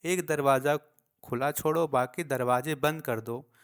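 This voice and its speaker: A man's voice: mid-range voice, a little slow, natural voice. A man reading the lines of a sarcastic, teasing mother aloud from a storybook. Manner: mocking, laughing tone.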